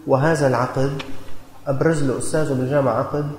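Syrian preacher exhorting in a booming hall. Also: male voice, steady tone, a little hiss or hum. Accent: Syrian Arabic. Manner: earnest, exhorting, slows for emphasis. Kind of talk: colloquial storytelling sermon. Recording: echoey hall reverb.

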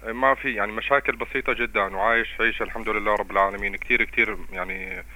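A man's voice: on the low side, steady tone, racing, bright, forceful tone, rough recording. A man calling a radio show, speaking earnestly and hesitantly with many fillers. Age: 30s. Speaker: caller.

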